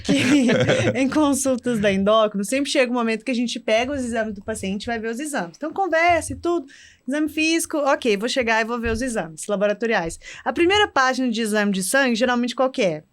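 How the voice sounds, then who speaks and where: Lively Brazilian woman, slightly high voice. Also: fairly quick. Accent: Brazilian Portuguese. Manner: lively, laughing easily. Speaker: endocrinology doctor, co-host. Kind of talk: casual podcast chat.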